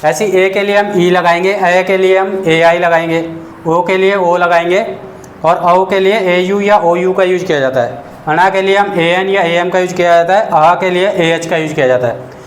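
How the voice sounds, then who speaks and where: A high-pitched man teaching beginners, slowly and patiently, often asking the class simple questions. The room is echoey, with a faint hiss behind him. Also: steady tone. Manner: patient, repeats points and asks the class questions. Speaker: English teacher. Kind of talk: classroom lesson explaining basics.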